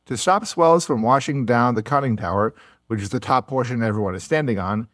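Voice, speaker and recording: A man's voice: mid-range voice, a little fast, a bit bright, no room sound, studio quality. A man co-hosting a casual podcast, narrating a history story and breaking into jokes and laughter. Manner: laughs often, jokey asides.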